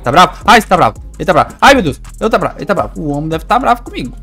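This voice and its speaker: A man with a Brazilian Portuguese accent giving excitable, playful gameplay commentary. He repeats catchphrases and swings between loud squeals and low mutters. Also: racing, faint music behind. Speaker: gaming YouTuber.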